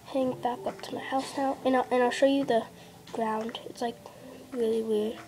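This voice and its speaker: A young girl sits at a table indoors, casually narrating her mobile game as a gameplay vlogger, rambling with plenty of fillers and slipping into half-whispers. Her voice is on the high side, with fairly even intonation and a normal speed. A device camera films the handheld screen, and the background is noisy.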